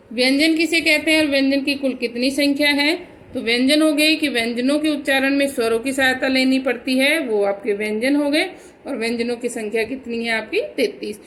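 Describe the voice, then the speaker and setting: A woman's voice: high voice, a bit bright, slight background noise, poor audio. A woman teaching a Hindi grammar lesson. She explains each point step by step, asks her pupils questions and then answers them herself, and calls them "beta.". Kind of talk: recorded online class lesson.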